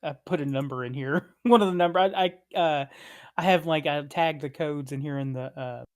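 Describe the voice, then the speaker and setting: Slightly high-voiced male game master. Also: moderate pace. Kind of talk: casual tabletop game narration.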